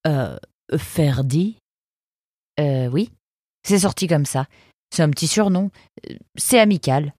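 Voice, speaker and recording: A woman voicing an excitable young male fox, eager and exclaiming, with hesitant fillers now and then. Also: low-pitched, slow, pauses often, dry recording, clean studio sound, exaggerated voice. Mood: awkward.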